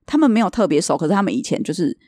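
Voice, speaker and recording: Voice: medium pitch, very animated, racing, dark tone, no room sound, studio quality. A podcast co-host telling a story in casual chat and acting out the quoted dialogue.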